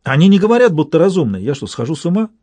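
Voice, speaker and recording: A man narrates a story aloud in a measured, steady way. His voice is somewhat high for a man and mellow in tone. The recording is dry and close. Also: dry recording. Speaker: audiobook reader. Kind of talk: scripted narration.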